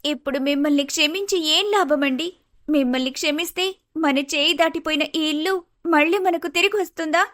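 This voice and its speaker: A woman voicing a young daughter-in-law in an animated storybook, speaking in shrill, accusing complaints. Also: moderate pace, dry recording. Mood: bitter. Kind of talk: storybook voice acting.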